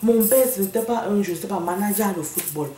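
A woman's voice: mid-range voice, brisk, mellow, faint music behind. A woman delivering a sassy, mocking comic rant to the camera, slipping into English and slang. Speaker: comedian vlogger. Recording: echoey room, a bit far from the mic.

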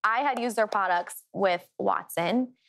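A woman's voice: mid-range voice, a little slow, gravelly, fairly bright tone. An American woman with a heavy Dakota accent, chatting candidly and animatedly as an interview guest. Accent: North or South Dakota. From Dakotas, United States. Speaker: reality show cast member, guest.

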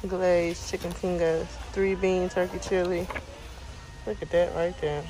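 A woman's voice: on the low side, flat delivery, measured pace. A young woman with a son, chatting casually as she browses aisles and reads out items and prices, recorded on a handheld phone in a large store. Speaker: shopping vlogger. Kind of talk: casual shop-with-me narration. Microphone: handheld phone camera. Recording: noisy phone audio in a busy store. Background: store ambience and noise.

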